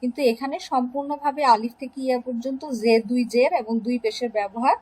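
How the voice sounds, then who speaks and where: A woman from Bangladesh teaching an online religion class to young children, gently and slowly drawing out pronunciation drills. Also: on the high side, steady tone, husky, poor audio. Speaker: Islamic studies teacher.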